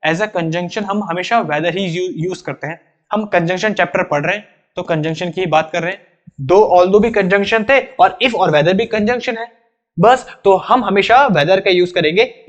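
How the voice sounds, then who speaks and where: Male tutor with a Hindi accent, high voice, drills exam rules over and over to students; slightly muffled recording. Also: moderate pace. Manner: repeats rules insistently, addresses students directly. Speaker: English grammar teacher. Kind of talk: exam-prep grammar lesson. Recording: slightly dull, lo-fi sound.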